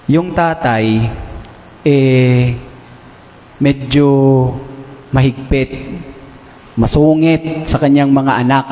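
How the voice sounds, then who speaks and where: A male preacher with a Filipino accent giving an animated sermon, swinging his voice up and down and drawing out key English phrases. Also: a little high. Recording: echoey hall, long reverb.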